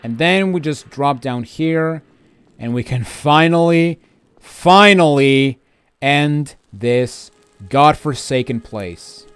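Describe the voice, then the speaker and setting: A man's voice: a little high, takes it slowly, smooth, no room sound. A man hosting a video game walkthrough with casual, rambling, often grumbling commentary.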